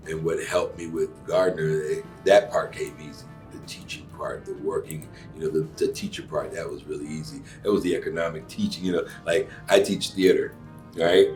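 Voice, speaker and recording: Captured by a distant mic over faint background music, this casual interview features a middle-aged Cuban guest who acts and teaches acting. His extremely deep voice moves at a moderate pace with fairly even intonation, and he speaks warmly, emphatically and earnestly, full of fillers as he thinks aloud.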